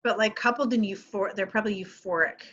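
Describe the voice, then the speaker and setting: A woman's voice: mid-range voice, fairly even intonation, fast, fairly bright tone, husky. A woman chatting casually over a video call. She makes wry, darkly joking remarks, and her voice comes through a dull, lo-fi internet line. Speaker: guest on a chat show. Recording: muffled lo-fi internet call audio.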